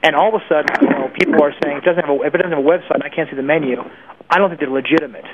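Heard over a narrow, phone-like line with faint noise, a man gives informal, opinionated answers as an interview guest. His slightly high voice goes very fast, conversational and emphatic.

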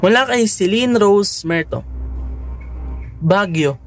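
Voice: mid-range voice, animated, slow, soft background music. A podcast host from the Philippines, chatting informally and reading listener horror stories aloud, with casual reactions between them.

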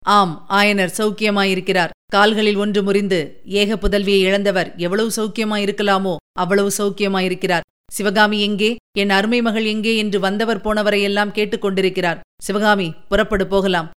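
A stern young prince with a sarcastic, cutting edge, as a woman reads him out in an audiobook. The voice is smooth and clear, with reproach in every line. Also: medium pitch, level tone, moderate pace, fairly bright tone, natural voice. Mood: reproachful. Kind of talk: audiobook character reading.

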